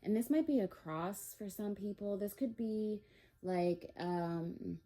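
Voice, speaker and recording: A woman talks through a spiritual reading at an unhurried pace, her tone warm and mellow. She rambles with frequent fillers and grows openly emotional as she speaks. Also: mid-range voice. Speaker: tarot reader.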